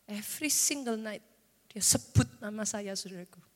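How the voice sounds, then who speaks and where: A woman pastor with a medium-pitched voice, speaking at normal speed, shifts from fervent prayer with chanted tongues to soft, confiding preaching. The sermon takes place in a large, reverberant church hall with keyboard music in the background.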